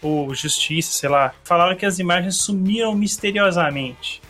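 A man from Brazil, a bit hoarse, hosting a casual solo podcast and rambling along in a slangy, chatty way. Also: sits high, normal speed, bright, forceful tone, soft background music. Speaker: podcast host. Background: faint song playing.

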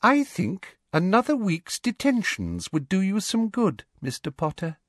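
A man voicing a prim, condescending woman teacher who speaks smoothly and sleekly. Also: a little high, wildly swooping pitch, unhurried, no echo, studio quality, voice pushed up, full character voice.

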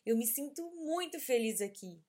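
A woman's voice: high-pitched, expressive, normal speed, warm tone. A woman voicing an upset little boy in a read-aloud children's story, speaking in a childlike, emphatic way. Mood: excited. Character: upset little boy, sulky then cheerful.

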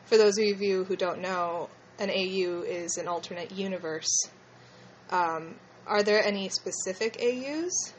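A woman's voice: mid-range voice, unhurried, muffled recording, slight background noise. A woman with a slushy lisp hosting a casual fan discussion in a hesitant, rambling way. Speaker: podcast host.

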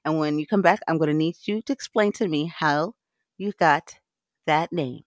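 A woman's voice: low voice, normal speed, dry recording. A woman hosting a casual live audio chat, frank and swearing freely, laughing often. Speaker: livecast host.

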